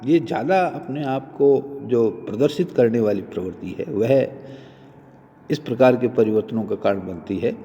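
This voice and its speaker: A man lecturing on linguistics, explaining each point with many spoken examples in a measured, teacherly way. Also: medium pitch, warm tone, long reverb tail, lo-fi sound, a little hiss or hum. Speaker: Hindi lecturer. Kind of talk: recorded university lecture.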